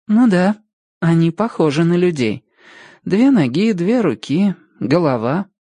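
A man reading the part of an odd, pale young woman who is calm and stubborn, in a lilting, matter-of-fact way. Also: high-pitched, measured pace, dry recording, voice pushed up, exaggerated voice.

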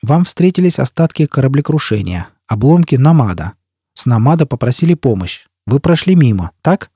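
A man's voice: mid-range voice, sing-song, moderate pace, dark tone, husky, no room sound, studio quality. A man voicing a cold, vengeful male interrogator with harsh, clipped commands. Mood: cold menace.

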